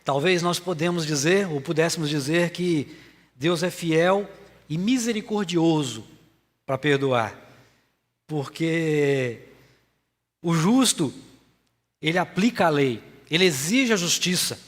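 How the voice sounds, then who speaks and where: A Brazilian man, a church elder, preaching a sermon in an earnest, halting way with frequent filler pauses. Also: a little high, lively intonation. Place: church sanctuary. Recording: long reverb of a church hall.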